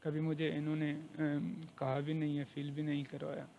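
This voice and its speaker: Earnest Pakistani man, flat steady delivery. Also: on the high side, normal speed, narrow, tinny audio, a little hiss or hum. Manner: earnest, conversational, mixes English words into speech. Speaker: university lecturer. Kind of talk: personal talk to camera. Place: living abroad, recording informally.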